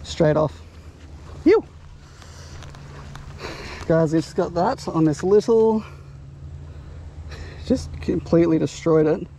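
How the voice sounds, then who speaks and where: A young Australian man chatting excitedly while fishing on a lake bank, swearing and cheering his catch on, recorded on a chest-mounted action camera. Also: a little high, slow, pauses often, a little hiss or hum. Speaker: fishing vlogger. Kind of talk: casual chat while fishing.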